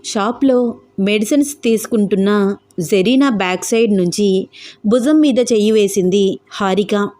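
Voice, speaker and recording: A woman narrates a romantic audio story in a steady, scripted delivery. Her voice is warm and mellow, with a middle pitch. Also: a little slow.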